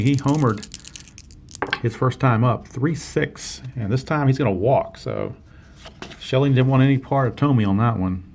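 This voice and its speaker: A man's voice: mid-range voice, slight background noise. Man calling a tabletop baseball game. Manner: steady, explains each dice roll, self-corrects. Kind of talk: play-by-play commentary of a tabletop game.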